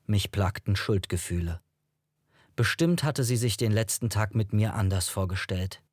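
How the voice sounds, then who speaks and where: A man reading a first-person novel as an audiobook narrator, in an even, measured storytelling manner. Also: on the low side, dry recording, clean studio sound.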